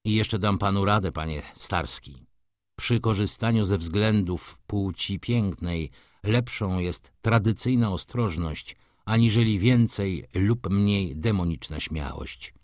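A stern middle-aged merchant, as a male reader puts him on, talks low and hushed in a hollow voice. Each word comes slow and measured, coldly formal. The sound is close and dry in an audiobook. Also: dry recording. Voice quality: hollow, muted voice. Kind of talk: audiobook character reading.

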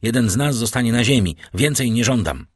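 A man's voice: medium pitch, lively intonation, fairly quick, husky, no room sound, studio quality, voice pushed up. A male narrator voicing a proud, angry young nobleman who speaks coldly and challengingly. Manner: cold, challenging.

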